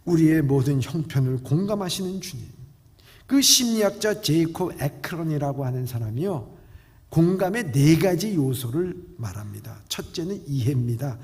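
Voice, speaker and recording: A male pastor preaching a sermon in a church. He is emphatic and swings from loud lines to soft ones. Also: a little high, expressive, normal speed. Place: church sanctuary. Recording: reverberant church hall.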